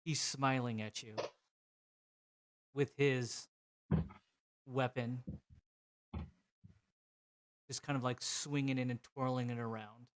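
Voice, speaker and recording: A man narrating a tabletop game as game master, in a relaxed, descriptive way. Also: medium pitch, takes it slowly, long pauses.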